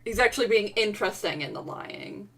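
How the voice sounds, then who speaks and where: A woman's voice: mid-range voice, lively intonation, a little fast, fairly bright tone. Casual woman stream host, filler-heavy, mid voice. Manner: casual, uses lots of "like", hyped.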